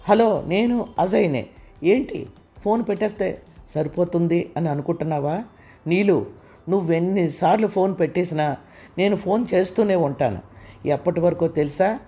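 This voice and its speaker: A man's voice: sits high, moderate pace, dark tone. A man reading a cruel young male blackmailer who threatens and commands in an audiobook, over faint music. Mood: menacing. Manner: menacing, commanding.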